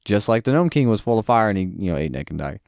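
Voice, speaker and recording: A man's voice: lowish voice, big pitch swings, fast, darkish tone, clear, resonant tone, dry recording, clean studio sound. A man co-hosting a podcast in casual chat, retelling a film's scenes with lots of fillers and acted-out quotes. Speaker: podcast co-host.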